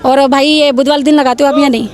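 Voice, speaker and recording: A woman's voice: high voice, steady tone, fast talker, darkish tone. A woman with a Pakistani accent hosting a market vlog outdoors, selling the goods to viewers in repetitive patter that urges them to come and buy. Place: outdoor street bazaar.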